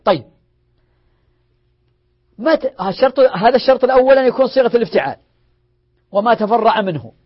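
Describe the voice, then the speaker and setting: A man's voice: very high voice, expressive, fairly quick, long pauses. A man, a sheikh, lecturing on grammar who repeats each rule and drills word forms, asking questions and answering them himself. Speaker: sheikh teaching Arabic morphology. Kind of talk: classroom lecture. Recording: dull lo-fi lecture recording.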